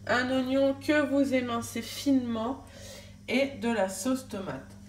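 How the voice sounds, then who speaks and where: A woman's voice: high voice, takes it slowly, reverberant, slight background noise. A young woman, a mother, chatting casually in a home vlog and recording on her phone, with lots of fillers and restarts. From France. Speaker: family vlogger. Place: home kitchen. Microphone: handheld phone camera.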